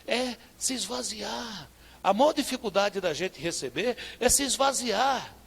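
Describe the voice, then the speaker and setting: A male pastor with a Northeastern Brazilian accent, preaching a sermon with rhetorical questions and sudden loud bursts. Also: sits high, lively intonation, measured pace, gravelly, husky. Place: church service.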